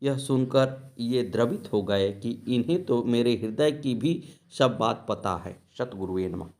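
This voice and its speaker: A man telling devotional stories in a measured reading voice, softly murmuring short invocations between episodes. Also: mid-range voice. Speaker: devotional storyteller. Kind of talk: devotional story narration.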